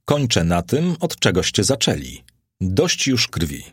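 A man's voice: low voice, very animated, a little slow, husky, dry recording, full character voice. A man reading the part of an ironic, cool-headed Roman courtier who mocks the others with dry wit. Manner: dry, mocking irony.

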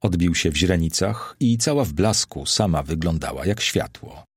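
A man narrating a classic novel as an audiobook, measured and solemn. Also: low voice, expressive, breathy edge, no room sound, studio quality.

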